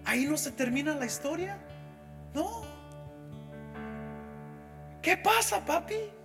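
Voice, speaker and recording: A man's voice: very high-pitched, expressive, slow, big-room sound, over music, voice pushed up, full character voice. A man imitating his young children as they ask curious, upset questions, mixing in English. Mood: curious, pleading.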